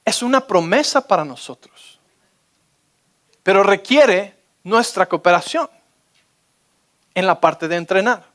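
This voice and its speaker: A man delivers a sermon from the pulpit, with a notably high voice for a man. He preaches with energy and keeps asking his listeners if they are following him. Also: unhurried, long pauses. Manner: energetic, keeps checking in with the audience. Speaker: pastor.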